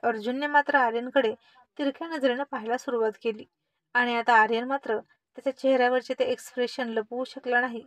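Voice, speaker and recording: A woman storyteller reads a family tale aloud with lively expression. Her voice sits a little high, and the recording is dry and close with no room sound. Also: a little fast, dry recording. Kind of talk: scripted story narration.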